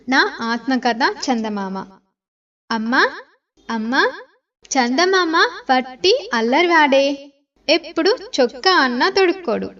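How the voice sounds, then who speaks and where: A woman narrating a bedtime story in an expressive, lively storytelling manner. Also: high-pitched. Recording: slightly distant, dull lo-fi sound.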